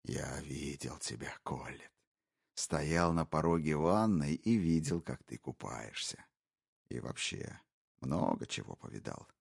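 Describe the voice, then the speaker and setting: A man voicing a cold, menacing male captor who taunts his hostages in a slow, hushed, gravelly half-whisper. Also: a bass voice, expressive, exaggerated voice. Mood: taunting.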